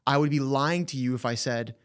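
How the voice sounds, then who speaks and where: A man's voice: medium pitch, clear, resonant tone. A young man with a slight lisp, talking casually and profanely as a podcast guest, often acting out what others said. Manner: animated, profane, quick to act out quotes. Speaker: podcast guest, agency co-founder. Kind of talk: casual interview talk.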